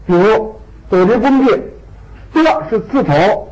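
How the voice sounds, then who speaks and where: A man's voice: high voice, animated, slow, a little mellow, rough recording. A man teaching a language class, patiently repeating key points and stretching out particles at the ends of phrases. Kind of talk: classroom lecture.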